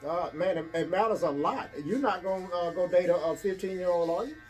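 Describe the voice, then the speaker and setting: Higher-voiced American man debating in a barbershop. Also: soft background music. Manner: halting, repeats words while trying to get his point in.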